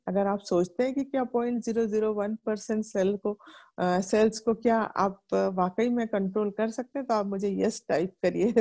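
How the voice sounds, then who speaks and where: A woman's voice: medium pitch, warm tone. A middle-aged Indian woman explaining a self-help book to her viewers in a chatty way, asking and answering her own questions.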